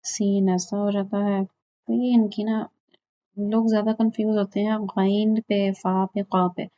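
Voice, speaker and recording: Woman teacher, slow and patient, flat even tone, letter-by-letter drilling, slightly dull recording. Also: mid-range voice. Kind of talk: online lesson on Arabic letter pronunciation.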